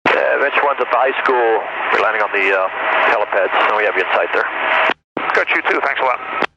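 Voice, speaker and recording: A man, a helicopter pilot, making brisk radio calls heard over a cockpit radio. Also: lowish voice, vocal fry. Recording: muffled radio with loud noise.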